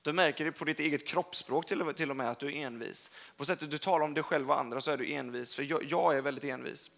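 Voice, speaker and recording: This young preacher's voice is a little high, creaky and a bit bright. Speaking directly to the congregation in a church service hall, he delivers a loose, rambling informal sermon, fixing his own words mid-stream.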